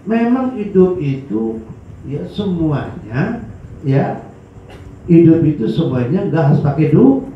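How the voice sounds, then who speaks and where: A man preaching at a religious study session, animated, swinging between loud cries and low mutters. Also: slow pace, pauses often. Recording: echoey hall, dull lo-fi sound, faint hiss.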